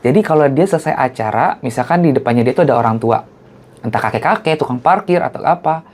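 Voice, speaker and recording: A man's voice: lively intonation, quick pace, darkish tone. A man, a guest in casual chat, telling stories and acting out quotes. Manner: chatty storyteller who acts out quotes in a high voice.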